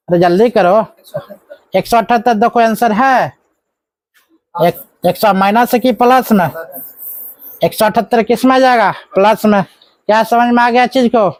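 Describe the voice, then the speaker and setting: Male classroom teacher, high voice, call-and-response drilling with scolding asides. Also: no room sound. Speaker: math teacher. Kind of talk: live classroom lesson.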